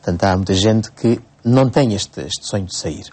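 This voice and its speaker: A man in his forties from Cape Verde, a priest speaking in a radio interview. His voice sits low and sounds mellow and relaxed. He talks unhurriedly and often pauses and restarts his phrases. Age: 40s. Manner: unhurried, frequent hesitations and restarts. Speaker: priest, bishop-elect.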